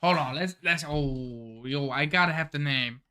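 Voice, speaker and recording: A man hosting a manga reaction, reading along excitedly and thinking aloud with frequent exclamations and restarts. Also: fairly high pitch, a little slow, smooth.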